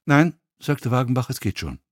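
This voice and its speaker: A man voicing a hoarse, sick male actor. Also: mid-range voice, big pitch swings, moderate pace, dry recording, clean studio sound. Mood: strained. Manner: hoarse, strained, faltering. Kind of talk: audiobook reading.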